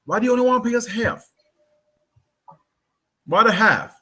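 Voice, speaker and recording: A man with a high, bouncy voice plays at a tabletop role-playing game. He argues his points with animated energy. His tone is bright and sharp. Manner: animated, quick to argue in character. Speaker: player. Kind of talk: casual tabletop role-play.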